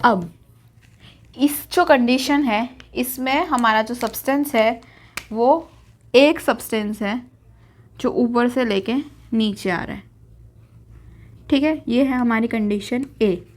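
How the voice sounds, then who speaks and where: Young woman teacher, high voice, chatty board lesson, keeps repeating the key terms. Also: slow pace, long pauses. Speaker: biology teacher. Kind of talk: whiteboard lesson in Hindi.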